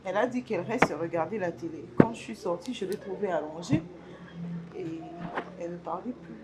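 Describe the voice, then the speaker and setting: A frantic young older sister. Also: female voice, high voice, expressive, unhurried, heavy background noise. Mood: shaken, hushed. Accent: Congolese French. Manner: pleading, repeating herself insistently. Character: young woman, anxious protective older sister.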